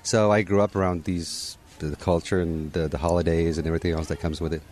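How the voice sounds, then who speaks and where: A man from Morocco answers questions at an outdoor holiday gathering, relaxed and chatty, often saying "you know" and restarting his sentences. His voice sits low and moves at a quick pace.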